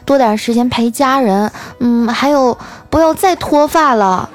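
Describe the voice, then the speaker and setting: A woman voicing a whiny, self-mocking young female coworker who talks in a slow, sulky drawl. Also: fairly high pitch, voice pushed up, natural voice. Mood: dreamy.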